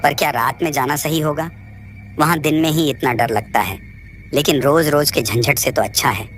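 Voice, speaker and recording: A man's voice: medium pitch, a bit bright, lightly acted. A man voicing a frightened young man. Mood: anxious. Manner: frightened, pleading. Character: frightened young man visiting a haunted ruin. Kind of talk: storybook narration.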